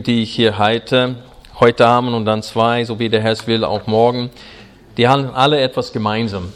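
A pastor in his forties from Arkansas, with an American accent and English as his first language, preaching in earnest, halting German full of fillers. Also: mid-range voice. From Arkansas, USA. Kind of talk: sermon.

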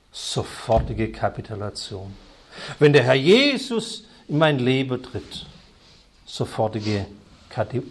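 A man preaching a sermon, emphatic and repetitive, swinging between loud stressed words and hushed asides. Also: medium pitch, breathy edge.

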